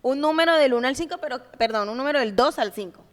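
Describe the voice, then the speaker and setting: A woman's voice: sits high, lively intonation, fast. A woman hosting a church livestream talk show, upbeat and welcoming, playful with her guests. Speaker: host. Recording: reverberant hall.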